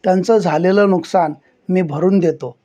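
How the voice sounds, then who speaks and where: A man voicing a humble, polite father who speaks calmly and apologetically, in a story reading. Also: high voice, moderate pace, close to an everyday voice.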